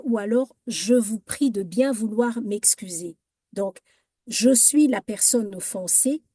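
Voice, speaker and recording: A woman's voice: on the high side, dark tone, dry recording. A woman giving an informal workshop talk on etiquette, hesitant and full of fillers, setting wrong phrases against correct ones. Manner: hesitant, many fillers and restarts.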